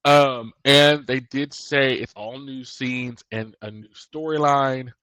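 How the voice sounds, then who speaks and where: A man's voice: medium pitch, steady tone, takes it slowly, bright, forceful tone, dry recording, poor audio. Rambling male podcast co-host. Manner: rambling, restarts sentences often. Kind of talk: casual chat.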